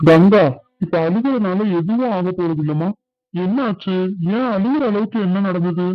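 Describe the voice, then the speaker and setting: A man's voice: high-pitched, normal speed, no echo, muffled recording, soft background music, close to an everyday voice. Man voicing earnest village family men. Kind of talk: cartoon dubbing.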